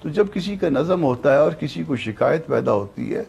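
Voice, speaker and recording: Man, Pakistani Urdu accent, gravelly and husky; a measured political guest who hesitates often. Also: on the high side. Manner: calm, hesitant with frequent fillers. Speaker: political party spokesman guest.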